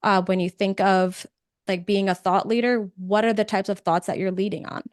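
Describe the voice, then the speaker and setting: A woman's voice: mid-range voice, moderate pace, no echo, clean studio sound. Chatty woman presenting a webinar. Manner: conversational, energetic, with frequent "um" fillers. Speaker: webinar presenter, podcast producer.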